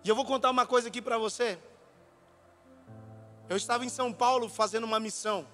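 High-voiced, bright, animated male preacher. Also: quick pace, big-room sound, faint music behind. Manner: animated, acts out dialogue, sometimes shouts. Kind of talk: sermon with storytelling. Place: church.

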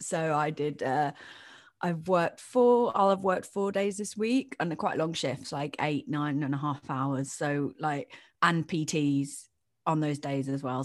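Lower-pitched woman co-host, frank chatter, dry close sound. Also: dry recording. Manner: chatty, frank, laughs a lot. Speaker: podcast co-host, personal trainer. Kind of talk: casual chat. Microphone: remote call.

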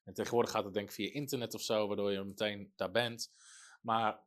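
A man's voice: fairly low pitch, level tone, fairly quick. A middle-aged man preaching a sermon, earnest and storytelling, with fillers and restarts.

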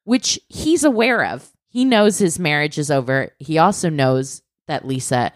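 Speaking at a measured pace in a deep voice, a woman recounts a true crime story as co-host of a casual podcast. The sound is clean studio quality and dry, and her animated telling is peppered with "like" and the odd swear.

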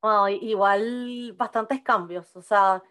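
A woman's voice: medium pitch, fairly even intonation, slow, fairly bright tone, clean tone. A woman from Venezuela hosting a podcast interview in a friendly, conversational way. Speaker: podcast host. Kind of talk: casual interview chat.

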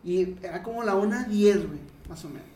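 A man's voice: high-pitched, brisk, reverberant. A Mexican man telling a story in casual chat, slangy and swearing often, acting out quotes. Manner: slangy, swears a lot, acts out quotes loudly.

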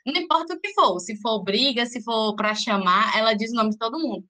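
A young woman tells anecdotes about her family in a relaxed group chat. Her voice is bright and a little high. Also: brisk.

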